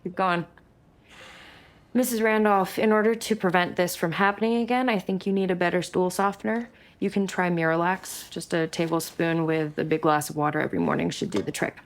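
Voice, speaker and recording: An actress playing a brash young hospital resident in a naturalistic medical drama, with a blunt, sardonic, clipped delivery. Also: female voice, lowish voice, a little fast, natural voice. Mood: sardonic, brisk. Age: young adult.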